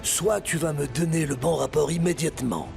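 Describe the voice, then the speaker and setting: A gravelly scheming schemer. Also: male voice, fairly high pitch, normal speed, over music. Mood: menacing. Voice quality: gravelly, menacing. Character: scheming menacing middle-aged man. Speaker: scheming uncle. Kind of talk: French TV drama dub.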